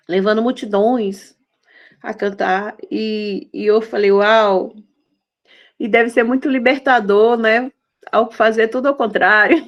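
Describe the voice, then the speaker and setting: A woman's voice: high voice, highs cut off. A woman in her fifties giving a devotional sermon, tender and intimate, pleading with her listeners. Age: 50s. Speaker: devotional preacher.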